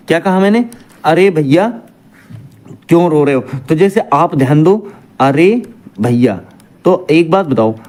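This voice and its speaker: Male teacher, exam-prep class, slightly high mellow voice, quizzes his students and answers himself. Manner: repeats questions to students and answers them himself.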